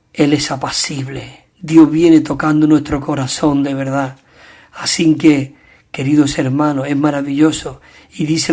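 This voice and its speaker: A man's voice: on the high side, a little mellow. A man from Spain preaching a fervent sermon, reading scripture aloud and calling out to the brothers and sisters. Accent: Spanish. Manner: fervent, calls out to the brethren, reads scripture aloud.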